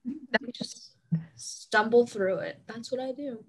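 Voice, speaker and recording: A young woman chatting casually about hockey with friends, animated and full of fillers. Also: on the high side, slow, breathy edge.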